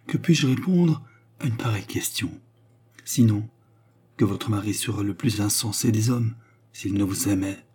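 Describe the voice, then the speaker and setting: A man voicing a noble count and gallant seducer who speaks softly, earnestly and courteously in an audiobook. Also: on the low side, steady tone, normal speed, breathy edge. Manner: soft, earnest, courtly speech. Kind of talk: audiobook character reading.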